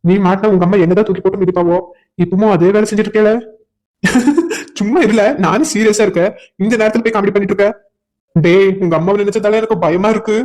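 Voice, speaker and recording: A man's voice: sits high, fairly even intonation, racing, a little mellow. A man with a south Tamil accent voicing characters in a cartoon drama, joking and flustered in turn. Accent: south Tamil Nadu dialect. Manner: joking and flustered, laughs between lines. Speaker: voice actor for a cartoon series.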